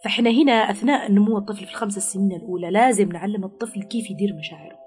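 A woman's voice: medium pitch, racing, a little mellow. A woman giving parenting advice in an interview, explaining patiently and acting out what parents might say to a child.

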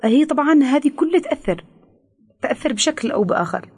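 A woman with a Yemeni Arabic accent, a counselor explaining things in an interview, fast with frequent hesitations. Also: high voice, lively intonation, darkish tone. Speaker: teen counselor. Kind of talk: expert interview answers.

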